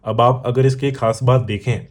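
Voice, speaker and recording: A man's steady, mid-range voice moves at a normal speed, carrying an Indian accent. As a motorcycle vlogger and product reviewer, he walks viewers through a casual Hindi-English unboxing, speaking to them directly, giving examples, and pausing to check in.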